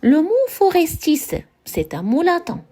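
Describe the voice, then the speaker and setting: A woman teaching a French grammar lesson, slowly spelling out examples and repeating key words with emphasis. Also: sits high, very animated, mellow. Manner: slow, deliberate, repeats and stresses example words. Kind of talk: classroom-style grammar lesson.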